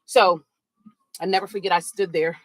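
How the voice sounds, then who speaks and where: A woman telling a funny story in a sassy, animated way, talking to listeners as girl and baby while she walks on a treadmill. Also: lowish voice, moderate pace, no room sound. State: walking on a treadmill. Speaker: podcast host. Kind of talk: casual storytelling while walking. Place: home treadmill, indoors.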